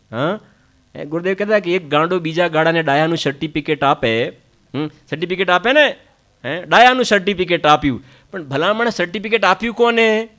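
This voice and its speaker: A man delivers a spiritual discourse in a fairly high voice. He teaches through repetition and proverbs. He keeps tossing short questions to his listeners to check that they follow. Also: fairly bright tone. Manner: frequent questioning interjections to listeners. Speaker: Jain spiritual lecturer. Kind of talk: Gujarati religious discourse.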